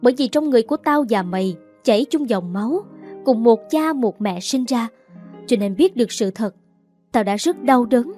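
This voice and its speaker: A woman's voice: fairly high pitch, darkish tone. A woman narrating a dramatic first-person story in an emotional storytelling way.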